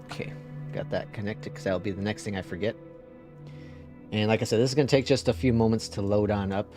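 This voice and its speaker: Working the controls of a flight simulator on his stream, a Midwestern-accented man from Minnesota or North Dakota talks casually, mutters to himself, and lets out some mild swearing. His voice sits lowish, steady and a little fast, with a darkish tone. Soft music plays underneath the live-stream chatter.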